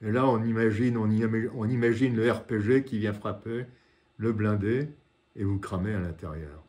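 A man in his sixties with a lowish voice recounts his days as a war correspondent. He tells it dramatically, pausing and repeating key phrases for weight. A faint background noise sits behind him. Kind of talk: war correspondent's first-person recollection. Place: living room, indoors.

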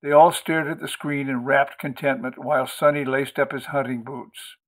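A man narrating a book chapter for a podcast. His reading is steady and measured, with a voice of ordinary middle pitch. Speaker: audiobook host and reader. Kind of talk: audiobook narration.

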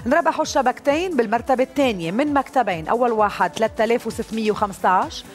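Very fast-talking Lebanese woman presenter. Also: fairly high pitch, faint music behind. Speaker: lottery show host. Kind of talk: live TV presenting. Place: TV studio. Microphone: headset.

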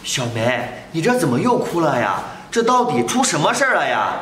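Man playing a gentle, worried young husband. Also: fairly high pitch, very animated, moderate pace. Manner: gentle, coaxing. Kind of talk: short family drama acting. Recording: echoey room, faint background noise.

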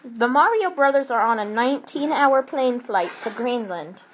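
Animated woman telling a made-up story. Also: a little high, normal speed, lo-fi sound, a little hiss or hum. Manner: animated, with restarts and sound effects. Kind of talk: improvised storybook reading.

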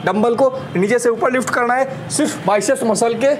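This noisy rooftop clip features a young man, a fitness trainer, coaching a home workout in a high, energetic voice. Vehicles and street sounds fill the background as he counts reps and says "slowly slowly" again and again with brisk cues.

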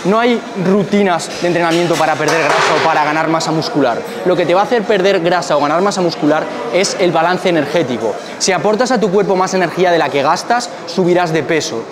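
A young fitness coach with a slightly high voice talks fast, giving direct gym advice to the camera with rhetorical questions in an indoor gym. He wears a small clip-on mic on his shirt, with a crowd and background music behind him.

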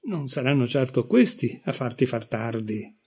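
A plain-spoken married woman from a read-aloud story, as a male narrator voices her. The voice is dark and a little husky, steady and frank. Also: mid-range voice, moderate pace. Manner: frank, reassuring.

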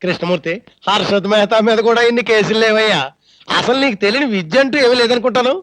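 An actor playing an older neighbor uncle in a comedy, mocking and reproachful. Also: male voice, high voice, fast, a bit bright, no room sound, clean studio sound. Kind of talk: Telugu film comedy acting.

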